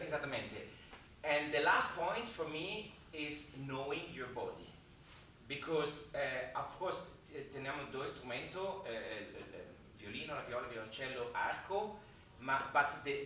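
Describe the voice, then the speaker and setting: A man with an Italian accent giving a lively talk to musicians about practicing, now and then slipping into Italian words. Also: a little high, normal speed, a little hiss or hum. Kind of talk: lecture to musicians. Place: hotel event hall. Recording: echoey hall from far off.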